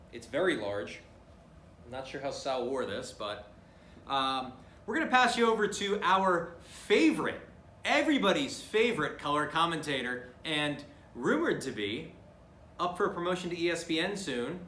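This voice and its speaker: A man hosting a comic mock sports broadcast, stumbling through his lines with plenty of fillers and self-mocking asides. His voice is bright and fairly high. The room is echoey. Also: animated, a little hiss or hum. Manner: halting, self-deprecating, many fillers. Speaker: host.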